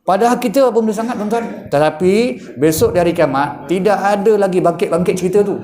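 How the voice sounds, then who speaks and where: A man's voice: high voice, fast talker. A male preacher with a Malaysian Malay accent gives a mosque lecture, keeps calling out to the congregation and acts out the gossip in small voices. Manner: animated, addresses the congregation again and again, acts out gossip in little voices. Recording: echoey room.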